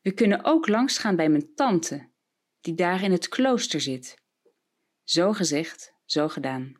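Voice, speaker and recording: A woman's voice: fairly low pitch, expressive, a little slow. A woman from the Netherlands sharing a personal story as a reflection on a Bible passage, in a conversational way.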